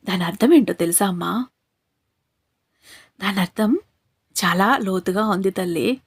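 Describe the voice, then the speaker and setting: A woman giving a devotional address in a saint's voice, tender and consoling, calling the listener child and mother. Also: mid-range voice. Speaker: devotional message speaker.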